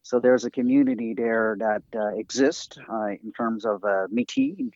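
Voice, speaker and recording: French-accented man, native French, interview guest, halting delivery full of "uh"s, dry dull lo-fi recording. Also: fairly low pitch, big pitch swings, vocal fry, a little mellow, no echo. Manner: halting, many fillers and restarts. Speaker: guest researcher and author. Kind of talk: interview talk over a call.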